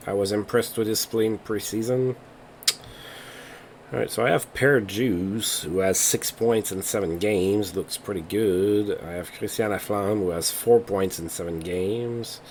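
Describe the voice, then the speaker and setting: A man who isn't a native English speaker hosts a let's play, chatting casually as he thinks aloud through the game results. His voice is fairly low and darkish, with a slight hiss or hum in the background. It's relaxed gameplay commentary.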